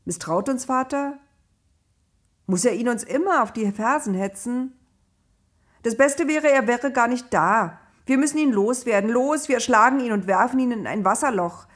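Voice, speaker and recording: A woman voicing jealous, angry brothers in a Bible story reading, talking in a heated, spiteful way with a husky voice. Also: fairly high pitch, lively intonation, a little slow, pauses often, pitched above the performer's own voice. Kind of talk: storybook narration.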